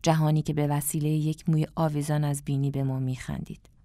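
A woman narrating an audiobook in a calm, reflective storytelling manner. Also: deep voice, dry recording, studio quality.

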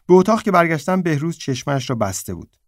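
A man reading a short story aloud in a subdued, low-key way. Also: sing-song, dry recording, clean studio sound. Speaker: narrator.

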